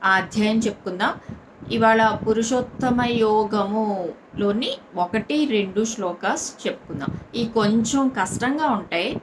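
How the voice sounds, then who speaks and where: A woman's voice: mid-range voice, normal speed, background noise. A woman with a Telugu accent teaching Sanskrit verse recitation, repeating each syllable and explaining stress and long vowels. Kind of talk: slow syllable-by-syllable chanting lesson.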